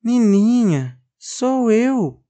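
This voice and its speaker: A narrator voicing a shy, sad boy doll who sobs softly and hesitates as he speaks. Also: mid-range voice, very animated, extremely slow, pitched above the performer's own voice. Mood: choroso. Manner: fala baixinha e chorosa, hesitante. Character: boneco menino tímido, triste e chorão.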